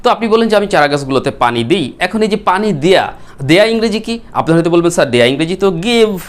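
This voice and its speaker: A man's voice: high-pitched, animated. Bengali-accented male English teacher, patient. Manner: explains patiently, repeating words slowly and asking the viewers questions. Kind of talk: spoken English lesson.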